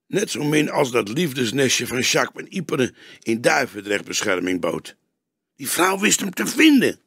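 A man voicing an agitated young male police detective who argues in a high, urgent voice. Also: sing-song, moderate pace, vocal fry, fairly bright tone, husky, dry recording, clean studio sound, exaggerated voice. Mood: heated.

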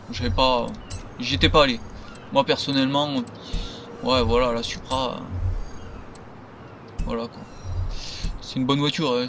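A man's voice: medium pitch, background noise. A man giving loose, rambling commentary over his gameplay as a gaming video creator.

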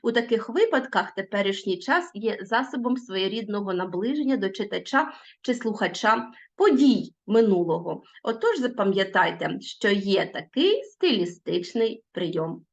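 Teacher woman with lively pitch. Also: highs cut off. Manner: clear, patient dictation, spelling out word forms one by one; addresses pupils directly, asks them to pause the video. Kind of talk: recorded school lesson.

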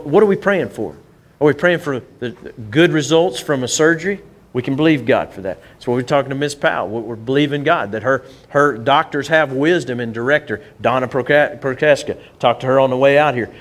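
A man preaching a sermon in church. His voice sits a little high for a man, and he talks in a loose, conversational way, repeating and restarting his words as he works through his points. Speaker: pastor.

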